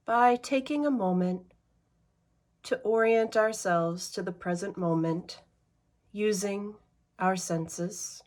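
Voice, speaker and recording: Speaking in a mid-range, slightly mellow voice, a woman leads a guided meditation, delivering brief phrases with deliberate, long silences between them.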